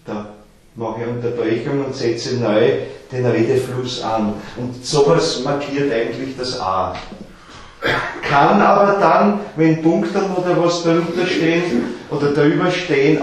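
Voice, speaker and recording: A man giving an explanatory lecture to a small group, often halting and repeating words as he explains. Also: mid-range voice, slight background noise. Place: lecture room with listeners. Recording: very echoey room.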